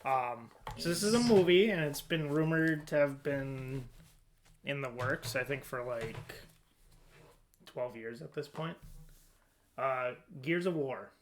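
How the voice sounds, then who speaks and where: A man hosting a casual podcast discussion talks informally and a little hesitantly, thinking aloud. His mid-range voice moves slowly with frequent pauses, and there's a little hiss or hum.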